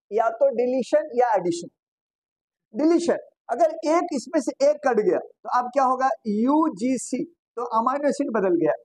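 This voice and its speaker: A woman with a high, bright-sitting voice teaches a biology class from the board. She repeats each key term and keeps quizzing her students with questions she answers herself, slipping English phrases into her talk. The sound is dry, with no room echo. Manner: mixes English phrases into Hindi.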